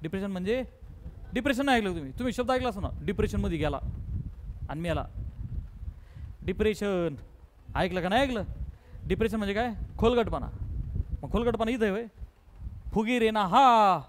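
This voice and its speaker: A man teaching physics to students, mixing in English terms and quizzing them with rapid, repeated questions and playful everyday examples. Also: high voice, slight background noise. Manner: mixes English terms into his talk. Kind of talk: classroom lesson.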